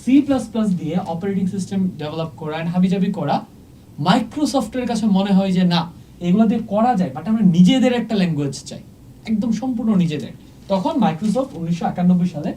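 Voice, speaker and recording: A teacher gives an exam-prep lesson while marking a chart, checking in with the class every few phrases and slipping English words into the explanation. The voice is mellow and a little distant from the mic, with faint room noise under it. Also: mid-range voice. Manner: checks in often with "okay?"; mixes English words into speech. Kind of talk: exam-prep lecture at a board.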